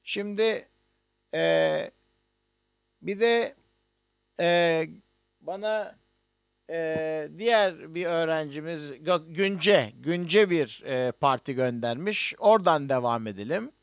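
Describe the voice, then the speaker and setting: A man's voice: on the high side, takes it slowly, pauses often, smooth, no echo, clean studio sound. A middle-aged man, a music professor from Turkey, teaching an online notation lesson and explaining each step on screen with many hesitations.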